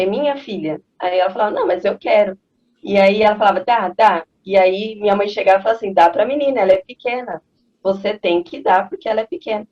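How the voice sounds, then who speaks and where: A woman, a mother of three, chatting casually and rambling through parenting stories and advice. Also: medium pitch. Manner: rambling, conversational, frequent fillers like "né" and "assim". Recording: slightly dull lo-fi audio.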